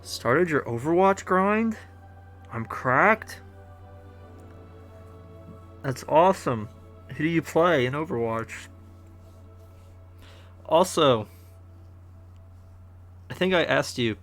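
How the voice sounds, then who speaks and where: A man's voice: on the high side, lively intonation, slow, pauses often, fairly bright tone, soft background music. A man streaming a video game, talking in a laid-back, joking way and chatting with viewers. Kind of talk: casual gameplay commentary.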